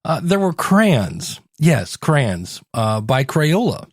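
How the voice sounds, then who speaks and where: On his solo podcast, an Ohio-born American man teaches listeners with conversational, direct coaching. He speaks slowly with a fairly high, sing-song voice, recorded at studio quality without echo.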